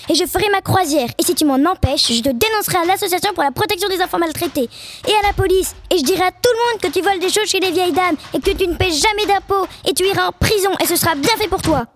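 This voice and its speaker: Woman doing a shrill spoiled girl of twelve. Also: fast talker, a little hiss or hum. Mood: furious tantrum. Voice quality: shrill, whiny. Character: spoiled shrieking twelve-year-old girl. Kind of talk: audiobook reading.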